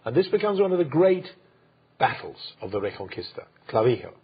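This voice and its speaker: A man co-hosting a history program, talking through events without a script, with many pauses, fillers and restarts. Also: medium pitch, big pitch swings, slightly rough. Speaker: co-host, history presenter. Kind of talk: unscripted history talk. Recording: dull lo-fi sound.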